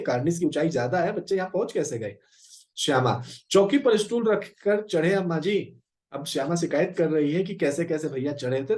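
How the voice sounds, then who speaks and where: A man's voice: on the high side, a little mellow. A male teacher explaining a story for a class, with frequent fillers and tag questions. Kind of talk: Hindi lesson explaining a story.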